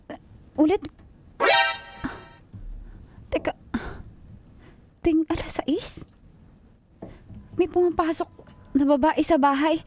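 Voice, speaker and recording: A woman's voice: fairly even intonation, slow pace, long pauses. A woman playing a jealous young wife on a radio skit. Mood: puzzled muttering. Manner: shrill, accusing outbursts. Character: jealous young wife accusing husband of cheating. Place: radio studio. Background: background pop music.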